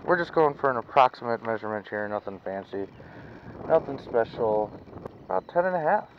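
A man's voice: medium pitch, animated, fairly quick, highs cut off, slight background noise. A man, chatting casually to an action camera as he fishes from a small boat on a lake. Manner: chatty, talks to himself while fishing. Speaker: fishing vlogger. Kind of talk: casual fishing vlog. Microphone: action camera mounted on the boat.

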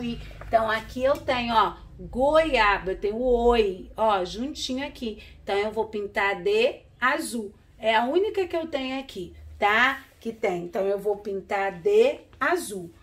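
A woman teacher speaks slowly to small children, breaking each word into syllables. Her voice is bright and a little high, and she keeps checking in with gentle "tá?" and "né?" tags. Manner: slow, syllable-by-syllable sounding out of words; patient, coaxing with frequent "tá?" and "né?". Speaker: primary school teacher. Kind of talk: online literacy lesson for young children.

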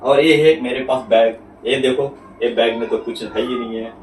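A man's voice: medium pitch, fairly even intonation, moderate pace, darkish tone. A man with a Marathi accent presenting magic tricks like a kids party magician, explaining each step simply to the viewers. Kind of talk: magic trick demonstration to camera. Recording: roomy echo, distant mic, faint noise.

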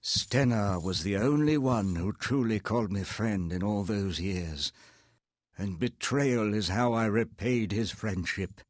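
A man's voice: on the low side, unhurried, no room sound. Guy reading as a haunted rich inventor guy from a game, formal n earnest storytelling, dry mic. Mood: wistful, regretful. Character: wealthy self-made male inventor, proud, regretful, haunted. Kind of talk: reading video game dialogue aloud. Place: indoor home streaming setup, close and dry.

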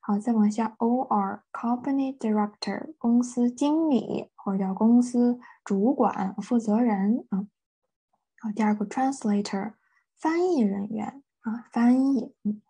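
A woman's voice: fairly high pitch, unhurried, mellow, slightly rough. A woman teaching an English vocabulary lesson, patiently repeating each word and translating it with many fillers. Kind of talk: vocabulary lesson explaining words.

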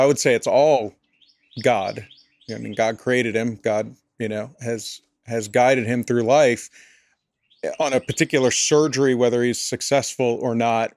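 A man's voice: mid-range voice, a little mellow, dry recording. Earnest man, dry close sound. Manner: earnest, thoughtful, with frequent restarts. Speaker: pastor and area director, podcast guest. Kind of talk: conversational interview answers.

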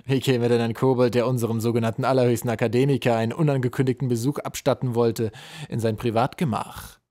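A man's voice: medium pitch, level tone, fast talker, warm tone, dry recording, clean studio sound, lightly acted. A man voicing a cruel goblin general who interrogates a prisoner in a harsh, threatening, relishing tone. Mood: menacing.

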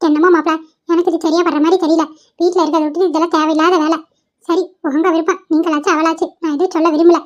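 A woman's voice: extremely high pitch, little pitch movement, quick pace, lo-fi sound. A woman voicing a fussy, scolding old grandmother in a cartoon, pleading and nagging. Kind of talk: Tamil cartoon voice acting.

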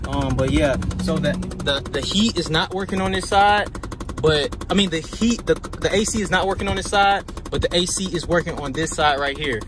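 A man with a fairly high voice talks loosely and profanely to his viewers from inside a moving car. Loud road noise and engine rumble run under everything he says. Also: moderate pace. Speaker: car flipper vlogger. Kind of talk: casual vlog while driving.

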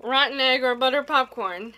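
A woman with a bright, slightly high voice talks casually while eating jelly beans. She co-hosts a challenge vlog, explaining flavors and reacting to them. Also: moderate pace, rough recording. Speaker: vlog co-host playing a taste challenge.

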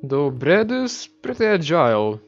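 Slow, wry man narrating a game. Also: fairly high pitch, very animated. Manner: wry, talking to himself while playing. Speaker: gamer. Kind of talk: let's play commentary. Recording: dull lo-fi recording. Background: faint game music.

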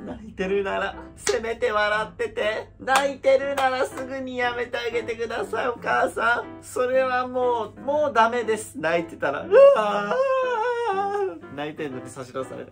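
A young man hosting his channel, ranting comically in an animated, theatrical way and breaking into high shrieks and mock wails. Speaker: idol and channel host. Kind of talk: comedic ranting monologue. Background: background music.

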